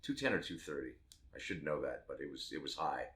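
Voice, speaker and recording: Low-voiced candid man in his fifties. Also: big pitch swings, brisk, a bit bright. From Las Vegas, Nevada, USA. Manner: candid, rambling, with self-mocking asides. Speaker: tattoo artist. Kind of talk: personal storytelling to camera.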